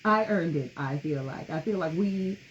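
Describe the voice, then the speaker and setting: A woman's voice: deep voice, lively intonation, moderate pace, slight background noise. Candid woman, slightly muffled podcast audio. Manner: candid, emphatic storytelling. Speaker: podcast co-host. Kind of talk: casual podcast conversation.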